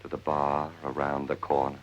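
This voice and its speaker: In a 1940s screwball comedy, a man with a bass voice plays an exasperated, wry character convinced his brother has come back as a dog. Speaking at a moderate pace with a completely flat delivery, he trades sardonic banter, wry and insistent, on a muffled vintage film soundtrack.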